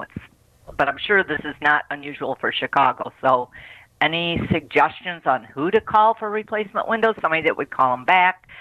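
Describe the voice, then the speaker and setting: A middle-aged woman calls a radio show over the phone and pauses often as she searches for her words. Her voice sits in a middle pitch and sounds muffled and dull through the line. There is no room echo around it. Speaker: caller. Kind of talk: phone-in question.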